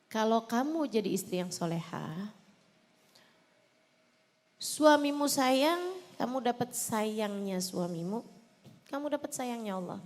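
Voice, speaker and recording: A woman's voice: a little high, takes it slowly, long pauses, big-room sound. A woman preacher giving a sermon, talking straight to the women listening and chanting Arabic prayer lines. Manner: animated, addresses the women listening directly.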